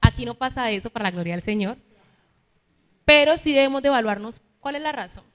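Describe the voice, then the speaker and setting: A woman's voice: fairly high pitch, expressive, fairly quick, long reverb tail. A woman with a Colombian accent from Cali preaching a sermon, teaching and often asking her listeners for agreement. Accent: Colombian Spanish, Cali. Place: church hall.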